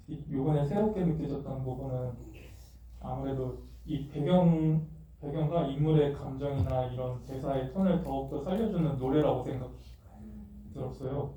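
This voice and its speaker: A man's voice: mid-range voice, mellow, a little hiss or hum. A man in the audience politely asks the filmmakers a question, earnest in tone. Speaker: audience member. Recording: distant, dull mic in a very echoey hall.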